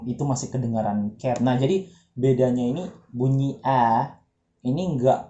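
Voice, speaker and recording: A man's voice: medium pitch, moderate pace, warm tone, echoey room, highs cut off. A man teaching English pronunciation in a casual, joking lesson, drilling words for a partner to repeat.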